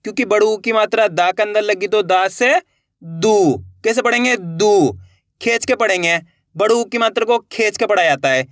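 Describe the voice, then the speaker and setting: A man with a fairly high voice teaches reading syllable by syllable, stretching each sound and asking the same question again and again. He speaks to viewers as friends in an encouraging way. The sound is dry and close, with no room echo. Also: a bit bright. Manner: slow, drawn-out syllables, repeated teaching questions. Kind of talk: step-by-step phonics lesson.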